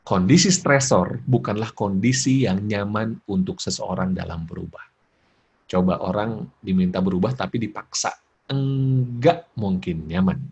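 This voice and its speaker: A man giving an expressive parenting lecture, laughing often and acting out examples. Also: on the low side, husky, dull audio. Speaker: parenting speaker.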